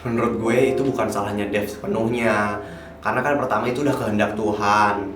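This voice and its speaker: A man voicing a caring young woman friend who coaxes and comforts softly. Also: fairly low pitch, steady tone, quick pace, voice pushed down, natural voice. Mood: comforting. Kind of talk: amateur drama acting. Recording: roomy distant mic with music.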